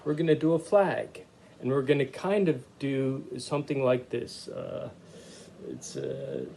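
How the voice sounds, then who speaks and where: A man teaching a recorded art lesson for children, chatty and unhurried, with many "uh" fillers as he explains. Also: medium pitch, big pitch swings, creaky, mellow, slight background noise.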